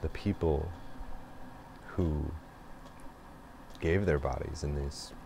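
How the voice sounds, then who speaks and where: A man hosting a reflective monologue, speaking slowly and thoughtfully with many pauses and fillers. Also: rumbling low, creaky, dark tone, slight background noise. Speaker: host.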